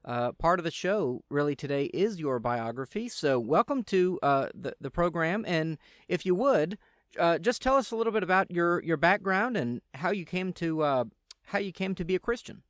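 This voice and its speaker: Halting male radio pastor host. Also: on the high side, lively intonation, a bit bright, no echo, clean studio sound. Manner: halting, many fillers and restarts. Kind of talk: casual radio talk show hosting. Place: radio studio.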